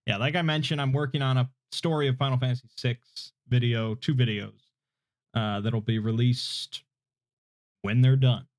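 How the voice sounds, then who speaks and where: Chatting at a normal speed, this thirty-something YouTuber works through viewer questions in a laid-back live Q&A, hesitant and self-deprecating, with lots of filler words. His mid-pitched voice is calm and soothing. Missing his usual equalizer, the desk microphone comes across a bit muffled in an echo-free, dry space.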